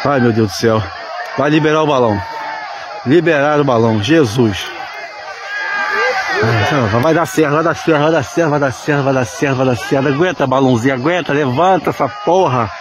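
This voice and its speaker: A man giving excited, swearing live commentary at an outdoor balloon launch, calling out and mock-praying as he films. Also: mid-range voice, moderate pace. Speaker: balloon enthusiast filming a launch. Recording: outdoor phone recording with loud crowd noise.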